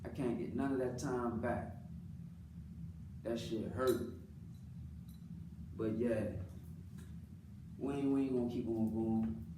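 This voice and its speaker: A man's voice: medium pitch, steady tone, takes it slowly, long pauses. Earnest American man, roomy distant recording. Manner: earnest, repeats phrases for emphasis, colloquial. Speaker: father speaking about his own life. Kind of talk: unscripted personal monologue, casual talk. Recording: roomy, distant mic, clearly noisy background.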